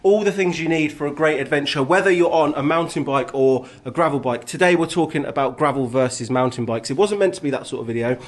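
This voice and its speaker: A man's voice: fairly high pitch, fast talker, hardly any pauses. A man from Bedfordshire with an English accent, hosting a casual vlog and chatting to camera. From Bedfordshire, England. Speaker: vlog host. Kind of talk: casual outdoor vlog chat.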